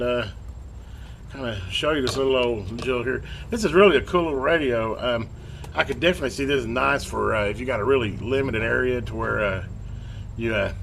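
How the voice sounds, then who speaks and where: Speaking in a slightly bright mid-range voice, a hobbyist shows a repair on his workbench, casual and folksy, voicing his thoughts as he goes. The amateur video is clearly noisy.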